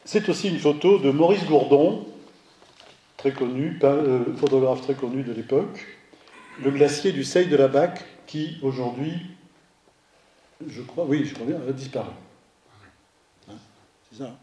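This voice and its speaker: A man's voice: medium pitch, measured pace, pauses often, warm tone, reverberant. A man giving a slide lecture on art and photography, who trails off, corrects himself mid-sentence and drops dry humorous asides.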